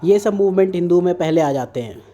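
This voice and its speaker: Man with a very dark, mellow tone, joking teacher. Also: sits high, lively intonation, fairly quick, muffled recording, a little hiss or hum. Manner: joking asides, mixes Hindi and English. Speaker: exam prep teacher. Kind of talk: casual current affairs lesson.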